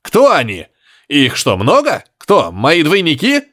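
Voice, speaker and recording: A man's voice: a little high, wildly swooping pitch, measured pace, fairly bright tone, voice pushed up, full character voice. A man voicing a panicked male professor shrieking through a distant radio receiver. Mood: frantic shrieking. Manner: shrieking, frantic.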